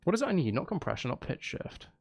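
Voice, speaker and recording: A man making music on a livestream chats casually with viewers, rambling and thinking out loud over music and synth sounds. His voice is gravelly and fairly high, and he talks fast and very animatedly.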